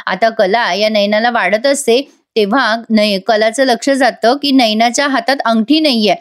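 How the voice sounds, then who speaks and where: A woman's voice: fairly high pitch, normal speed. A woman narrating a chatty plot recap of a TV serial, addressing the viewers directly.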